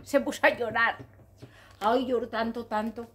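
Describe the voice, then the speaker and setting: A woman telling a story to children in an expressive, sing-song, repetitive way. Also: on the high side, measured pace, breathy edge.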